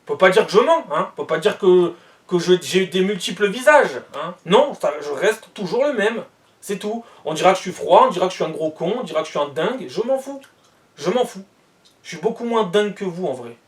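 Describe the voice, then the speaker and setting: A man's voice: sits high, animated, brisk, far from the mic. A man ranting bluntly and heatedly in a monologue, repeating himself as he reacts to the news.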